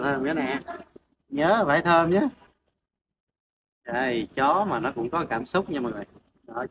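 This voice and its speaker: Outdoors at a farm home, a man with a mid-range voice chats casually to his dogs for a pet vlog, coaxing them with repeated questions before explaining things to viewers. The background is noisy, with outdoor ambience and animal sounds.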